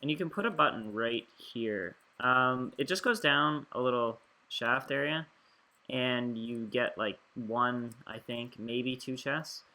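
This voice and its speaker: A man's voice: medium pitch, slow pace, bright, forceful tone. A young man giving rambling, chatty gameplay commentary as a gaming channel host, full of fillers. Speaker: gaming YouTuber.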